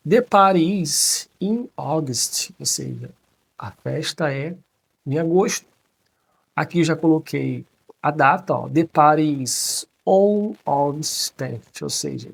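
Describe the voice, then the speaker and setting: A man in his thirties, a teacher, explaining grammar with lots of tag questions and slow, careful English examples. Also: fairly high pitch, gravelly, husky. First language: Portuguese. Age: 30s.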